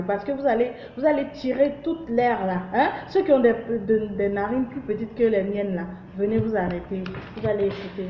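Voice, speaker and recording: A woman's voice: on the high side, noisy background. A woman hosting a comedy joke-news vlog, chatty and teasing with lots of fillers. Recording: roomy, dull lo-fi.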